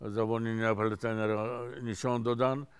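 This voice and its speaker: A Tajik-accented man in his seventies, a singer from Tajikistan, telling stories in an unhurried way with frequent restarts during an interview. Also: on the low side, little pitch movement, clear, resonant tone. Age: 70s.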